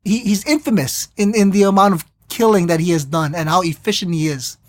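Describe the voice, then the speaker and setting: A podcast co-host in casual chat, recapping a movie in a rambling, animated way and acting out the characters' lines. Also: mid-range voice, brisk, dry recording. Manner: animated storyteller, acts out quotes; rambling with restarts.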